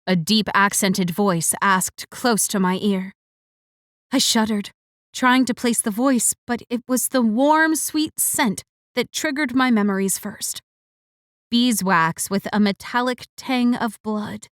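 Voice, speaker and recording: A woman reads a first-person romance audiobook in a fairly high voice. Her delivery is expressive and wry. The recording is close and dry. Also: slow, dry recording. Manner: expressive, wry inner monologue. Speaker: audiobook narrator.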